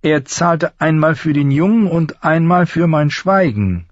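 A man's voice: on the high side, expressive, unhurried, no room sound, muffled recording, voice pushed up. A man voicing a stubborn middle-aged male master armorer in an audiobook, defensive and insistent.

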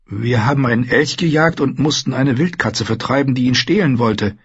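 A man's voice: medium pitch, normal speed, breathy edge, no echo, voice pushed up. A man reading an audiobook, voicing a young boy who is weak, thirsty and shaken. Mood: tired insistence. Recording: dull lo-fi recording.

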